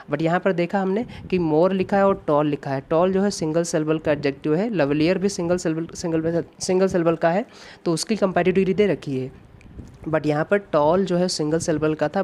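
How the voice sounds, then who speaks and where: A man teaching English grammar for exam preparation, asking himself questions, answering them, and reading example sentences very slowly. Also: a little high, a little mellow, a little hiss or hum. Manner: asks rhetorical questions and answers them, repeating key points. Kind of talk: classroom lecture explaining grammar questions.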